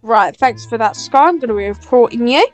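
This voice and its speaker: A woman's voice: fairly high pitch, expressive, brisk, lightly acted. A woman voicing an entitled, snobby young woman in a game role-play, talking down to the people she is bossing around. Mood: haughty. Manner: bossy, dismissive, self-satisfied. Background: faint music.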